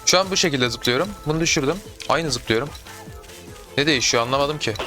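A young adult man doing casual gameplay commentary, excitable, talking to himself and viewers with sudden yelps. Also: on the high side, a little fast, over music. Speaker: gaming YouTuber.

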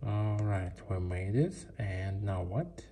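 An adult giving casual, halting, muttered commentary while playing along with a children's app. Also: low voice, lively intonation. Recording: loud background noise, clicking.

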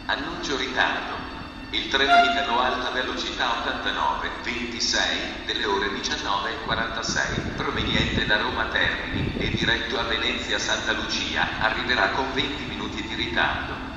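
A man making formal, evenly paced station announcements over a public address loudspeaker. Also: on the low side, fairly quick. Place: large train station hall. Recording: echoey station hall from far off. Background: station noise, trains.

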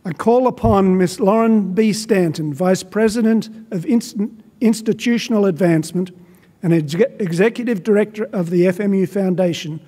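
High-voiced older man announcing in an arena. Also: normal speed, mellow. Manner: stately, reads titles with small stumbles. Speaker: master of ceremonies. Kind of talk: formal ceremony announcements. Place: large arena at a podium. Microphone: podium microphone. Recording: long reverb of a large hall.

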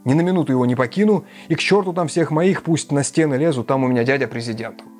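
A man voicing a drunk, excitable young male friend who blusters loudly. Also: medium pitch, brisk, soft background music, voice pushed up, close to an everyday voice. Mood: blustering. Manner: loud, blustering.

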